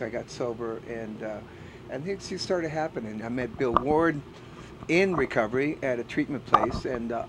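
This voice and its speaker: A middle-aged man speaking earnestly and reflectively in a casual backstage interview, with many hesitant "uh"s. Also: medium pitch. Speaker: bass player. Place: backstage at a music festival. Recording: clear background noise.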